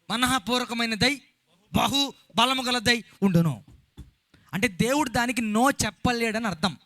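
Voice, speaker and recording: A man preaching a sermon as a pastor with a Telugu accent, loud and emphatic, calling out hallelujah and reading scripture slowly. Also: very high voice, no echo.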